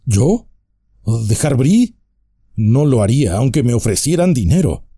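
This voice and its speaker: A man's voice: mid-range voice, big pitch swings, measured pace, warm tone, breathy edge, dry recording, pitched above the performer's own voice. A man voicing a nervous, fussy, stout male innkeeper who talks anxiously and at length. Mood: flustered. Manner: flustered, anxious, talkative.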